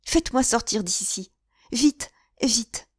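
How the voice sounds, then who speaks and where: Female reader playing a bold, lively young woman for an audiobook; brighter and higher than her narration, quick and eager. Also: no room sound, studio quality. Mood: shaken. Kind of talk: audiobook dialogue.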